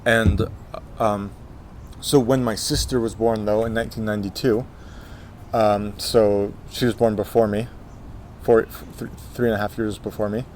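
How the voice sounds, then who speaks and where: A young man in his twenties with a lowish voice tells his life story, stopping and restarting often with plenty of ums. Faint noise sits under the recording. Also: fairly even intonation, normal speed, darkish tone. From Texas, USA. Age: 20s. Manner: hesitant, many fillers and restarts. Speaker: interview guest. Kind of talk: casual life-story interview.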